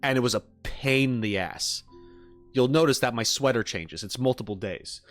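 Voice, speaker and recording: Music plays behind a man hosting a livestream who reacts to games from his home green-screen setup. He talks informally with viewers, rambling and making self-deprecating jokes, in a mid-range, fairly bright voice at a moderate pace.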